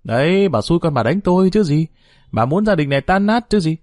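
A shrill, sharp-tongued young daughter-in-law, put on by a male storyteller, her voice pushed well above his own and biting. She scolds fast in a cutting, scornful tone. The read is close and dry. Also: animated, dry recording, lightly acted. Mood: accusing. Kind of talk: dramatized story reading.

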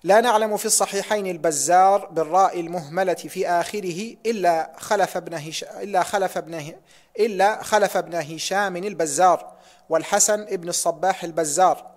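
A man's voice: high voice, a little fast. A man reading a hadith text aloud in a lesson, careful and precise, closing sections with pious formulas.

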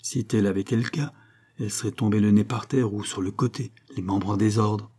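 A man's voice: lowish voice, steady tone, fairly quick, dark tone, husky. A man voicing a crude, sardonic coroner with glib, sneering remarks. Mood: puzzled.

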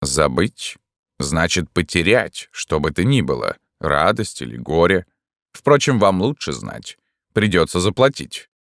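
Man doing a cool, matter-of-fact hypnotist, deep voice, storybook. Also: very animated, measured pace, gravelly, fairly bright tone, no room sound, clean studio sound, heavily acted. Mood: calm. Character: calm, businesslike male hypnotist.

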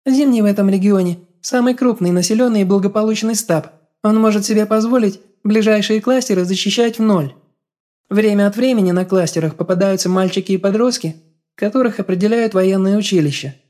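A man's voice: sits high, fairly quick, warm tone, pitched above the performer's own voice, natural voice. A man doing a brash, blunt young woman. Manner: blurts in bluntly. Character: brash outspoken adult woman fighter. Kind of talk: audiobook character voice.

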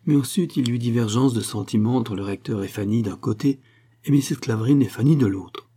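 A man reading a classic novel aloud as an audiobook narrator, in a measured way. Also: medium pitch, warm tone, slightly rough. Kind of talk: scripted narration.

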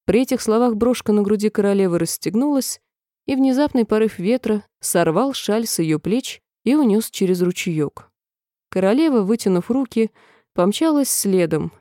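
Female audiobook narrator, warm mellow tone, dry booth sound, steady storytelling. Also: medium pitch, no room sound.

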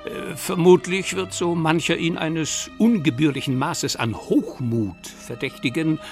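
An actor playing a genteel city gentleman in a radio play, reading his first-person account in a dramatic way. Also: mid-range voice. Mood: wry. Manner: wry, then tense and dramatic. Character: genteel male city gentleman, rattled by a ghost.

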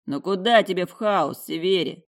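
A woman voicing a rude young male necromancer who drawls his insults slowly. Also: fairly low pitch. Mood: sneering. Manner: slow, sneering, contemptuous.

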